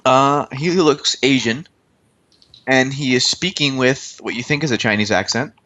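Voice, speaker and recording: Bright-voiced male game master. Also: medium pitch, unhurried, muffled recording. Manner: relaxed, loose, frequent fillers. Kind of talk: narrating a tabletop game on a stream.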